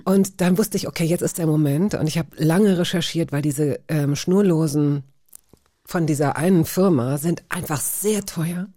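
A woman's voice: low-pitched, normal speed, warm tone, dry recording, studio quality. A woman hosting a radio conversation, chatty and playful as she tells stories. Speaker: radio show host.

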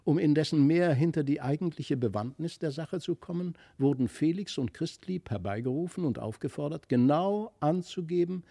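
Gravelly man reading a fairy tale. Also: fairly high pitch, moderate pace, hardly any pauses, dry recording, studio quality. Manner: expressive, lilting. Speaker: narrator.

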